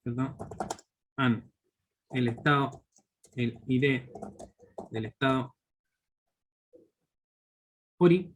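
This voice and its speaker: A man's voice: medium pitch, extremely slow, long pauses, slight background noise. A man in his thirties with a Chilean accent, teaching a live online programming class step by step and constantly checking in with his students. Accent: Chilean Spanish. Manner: explains step by step, checks in with students through constant tag questions. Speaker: university teacher.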